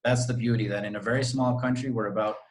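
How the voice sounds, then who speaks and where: Talking fast in a mid-range voice with fairly even intonation, the Costa Rican realtor gives long, friendly interview answers on a video call, clearly happy to explain in detail.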